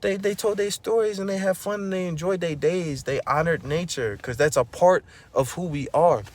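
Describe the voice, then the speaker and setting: At a normal pace, a man delivers a slang-heavy, preachy motivational vlog, frequently tossing in "bro" and "you know what I'm saying." His voice climbs loud and high whenever he gets worked up.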